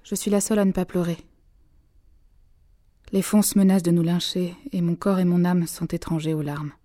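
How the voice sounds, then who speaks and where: Actress as dark-toned, numb, solitary woman. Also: on the low side, steady tone, normal speed, no echo, studio quality, lightly acted. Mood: numb, bleak. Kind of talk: radio drama inner monologue.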